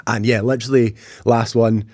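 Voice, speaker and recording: A man's voice: medium pitch, little pitch movement, moderate pace, darkish tone, no echo, clean studio sound. A Scottish man in his thirties, a podcast guest talking casually and self-deprecatingly with lots of fillers. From Scotland.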